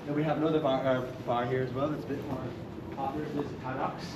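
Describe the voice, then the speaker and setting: A man's voice: medium pitch, flat delivery, fast. A young man giving an informal, enthusiastic walking tour, explaining things in a chatty, loosely phrased way. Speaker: campus tour guide, student. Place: outdoors, walking around a campus. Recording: noisy outdoor recording with traffic. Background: clear urban ambience and traffic noise.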